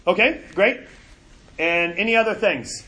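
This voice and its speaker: A middle-aged man teaching a Bible class in an animated, conversational way, often repeating words as he goes. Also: high-pitched, a little slow. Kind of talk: classroom lecture.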